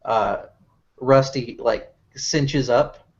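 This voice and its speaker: A man narrating as game master of a tabletop game, pausing often with fillers. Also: mid-range voice, darkish tone. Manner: hesitant, many fillers. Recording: dull lo-fi recording.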